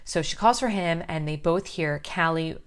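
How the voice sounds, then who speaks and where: A woman's voice: low voice, normal speed, clean tone. A woman casually retelling a horror film's plot as a vlogger, with lots of ums and you knows. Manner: chatty, many fillers like um and you know. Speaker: movie recap vlogger. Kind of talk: casual film plot recap.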